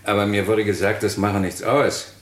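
In a radio crime drama, an actor voices a male police inspector who is courteous yet sceptical, questioning in a formal, deliberate, politely probing way. His voice is lowish with little pitch movement, and the performance is only lightly acted.

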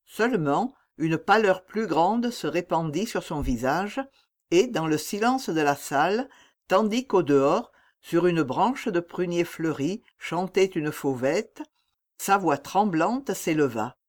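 A man narrating a classic novel as an audiobook, with a measured, dramatic reading. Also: high-pitched, animated.

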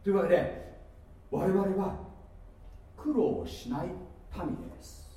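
A man preaching a sermon, playful and animated, with asides and laughter, recorded from a distance in a church hall. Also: sits high, unhurried. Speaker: pastor. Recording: echoey hall from far off with faint noise.

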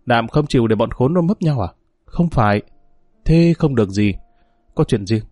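A man's voice: medium pitch, expressive, normal speed, darkish tone, dry recording, studio quality, soft background music, natural voice. A man voicing a curt gang boss. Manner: curt, commanding. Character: gruff male gang boss, curt and commanding.

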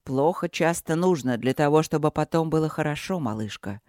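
A woman reading an audiobook, voicing a calm older-sounding man, a wise dragon swordmaster who speaks in an unhurried, gently stern way. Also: a bass voice, no echo, studio quality, voice pushed down. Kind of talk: audiobook character voice.

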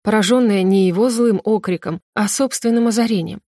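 A woman's voice: medium pitch, brisk, warm tone, no room sound, clean studio sound. Young woman narrating an emotional audiobook. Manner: emotional, tearful first-person telling. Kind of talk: first-person scripted narration.

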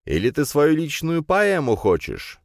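A man's voice: a little high, wildly swooping pitch, unhurried, vocal fry, no room sound, clean studio sound, voice pushed up, exaggerated voice. A man voicing a pushy young male student who keeps begging his friend in an audiobook. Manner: whiny, insistent begging.

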